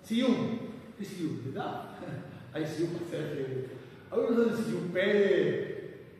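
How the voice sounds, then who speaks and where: A middle-aged man from Argentina, a rabbi giving an animated storytelling sermon in a large synagogue hall, recorded by a far camera. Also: high-pitched, extremely slow, slight background noise. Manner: animated storytelling with sweeping gestures.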